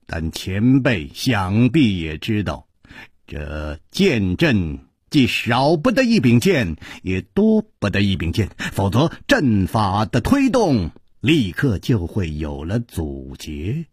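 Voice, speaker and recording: A man voicing a calm, courteous young hero who speaks in a measured way. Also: fairly low pitch, husky, no echo, studio quality, heavily acted. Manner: measured, polite.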